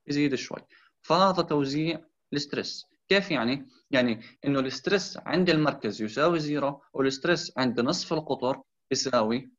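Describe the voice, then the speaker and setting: Fast-talking man tutoring engineering. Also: mid-range voice, a bit bright. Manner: repeats key points, mixes English terms into Arabic. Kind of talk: explaining torsion on a drawing. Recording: slightly dull lo-fi sound.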